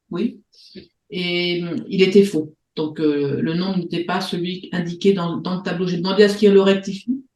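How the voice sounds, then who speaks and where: Femme, animatrice de réunion en ligne, voix douce et feutrée, hésitante, son d'appel vidéo qui résonne. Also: female voice, mid-range voice, warm tone, roomy sound, poor audio. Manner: hesitant, many fillers and restarts. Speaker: host of an online meeting. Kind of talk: casual presentation on a video call. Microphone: video call.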